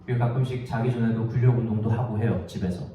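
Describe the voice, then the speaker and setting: A male pastor preaching a sermon in an animated way, asking his listeners question after question. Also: lowish voice, fast talker, noisy background. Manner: animated, asks the congregation many questions. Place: large echoey worship room. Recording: very echoey, distant, dull sound.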